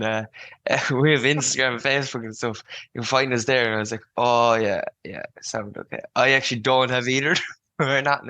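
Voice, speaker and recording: A man's voice: medium pitch, vocal fry, pushed and bright, no room sound. A man in his early twenties chatting casually and colloquially, peppering his talk with filler words like "like". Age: early 20s. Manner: colloquial, frequent "like" and "you know". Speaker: podcast guest, student on work placement. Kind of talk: casual chat.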